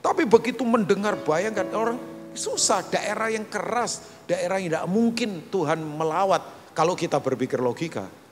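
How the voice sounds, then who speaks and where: A man's voice: high voice, animated, normal speed. A middle-aged man preaching a live church sermon, chatty and joking with the congregation. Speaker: pastor. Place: large church hall. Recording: echoey church hall with music. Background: keyboard and guitar music.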